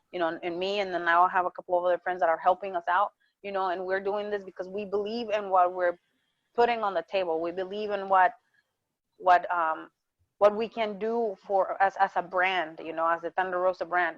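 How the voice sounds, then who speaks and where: A Mexican woman with a Mexican accent, appearing as a wrestling champion guest, talks with passion in a casual interview, often repeating words while she searches for them. Her voice is mid-range, and the sound is dull, muffled and dry with no echo.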